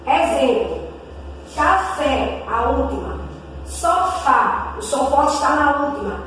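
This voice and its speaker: A Brazilian woman teaching a recorded primary school lesson, slowly spelling out syllables and examples. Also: high voice, slight background noise. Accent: Brazilian Portuguese. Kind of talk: recorded remote class lesson. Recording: echoey room, mic far off.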